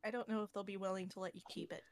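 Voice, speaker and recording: A woman playing a tabletop game, planning aloud in a thoughtful, pausing way. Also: medium pitch, steady tone. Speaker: player. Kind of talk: casual tabletop role-play.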